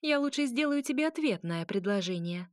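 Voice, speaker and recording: A woman voicing a sharp-tongued, irritable young witch who talks back in a snappy, sarcastic way. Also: a little high, lively intonation, a little fast, dry recording, studio quality, voice pushed up, natural voice.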